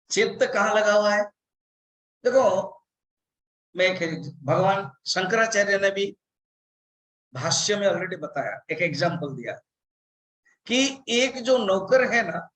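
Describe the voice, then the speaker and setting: A man, a monk, giving a scripture discourse and slowly reciting verses before explaining them. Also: high-pitched, fairly bright tone, poor audio. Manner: slow, deliberate explanation with drawn-out recited verses. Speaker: monk teacher.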